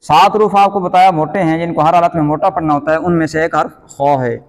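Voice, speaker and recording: A man's voice: a little high, fairly even intonation, long reverb tail. Patient Urdu-accented man teaching letters. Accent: Pakistani Urdu. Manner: patient, repeats letter sounds slowly and loudly. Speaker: Quran reading teacher. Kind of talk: slow explanatory lesson.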